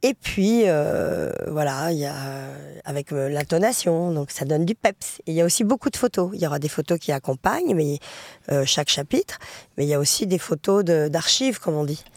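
A woman singer and author talking casually in an interview, chatty and lively, with many fillers and restarts, and a French Traveller community accent. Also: sits low, moderate pace, no echo.

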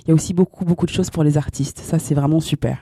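A woman's voice: low voice, fairly even intonation, fast talker, dark tone, breathy edge, no room sound, studio quality. A woman singer from France, answering radio interview questions with many fillers and restarts. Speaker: singer guest.

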